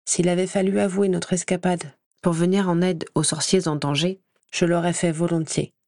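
Woman reading a story aloud, low voice, measured pace, dry sound. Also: flat delivery, warm tone, no room sound. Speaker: audiobook reader. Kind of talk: first-person story narration.

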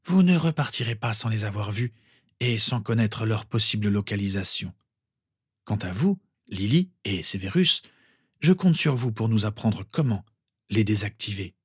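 A man voicing a calm, reassuring old wizard headmaster in a storybook reading, slow and measured. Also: lowish voice, husky, no echo, studio quality.

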